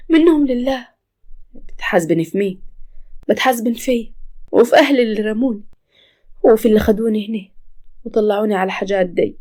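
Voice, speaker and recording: A woman's voice: medium pitch, darkish tone, natural voice. A woman voicing a frightened, despairing young woman who talks in pleading, tearful tones.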